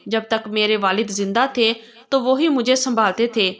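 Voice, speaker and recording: A playful young blind man, clingy and earnest, talks in a soft, pleading way in a spoken story, as a woman narrator reads his lines. His voice sits on the high side. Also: close to an everyday voice. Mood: sad.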